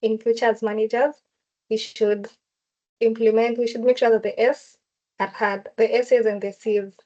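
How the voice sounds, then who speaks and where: A woman's voice: on the high side, flat delivery, moderate pace, warm tone, dull audio. A woman explaining a case study to classmates in a casual group discussion, with fillers and restarts. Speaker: student sharing a case study.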